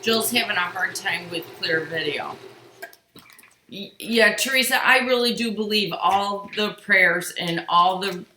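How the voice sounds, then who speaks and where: A woman's voice: mid-range voice, a little slow, sharp tone, slight background noise. A middle-aged woman hosting a live quilting stream from her home sewing room, chatting with viewers and greeting them by name. She is tired and yawning as she talks into her computer webcam. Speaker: quilting show host. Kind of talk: live-stream casual chat. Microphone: computer webcam on sewing table. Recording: roomy home-room echo.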